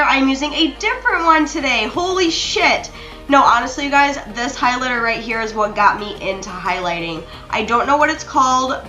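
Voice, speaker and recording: A young woman narrating a makeup tutorial in a chatty, apologetic way, talking straight to her viewers. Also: on the high side. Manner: chatty, apologetic, addresses viewers as you guys. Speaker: beauty vlogger. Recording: roomy echo with soft music behind.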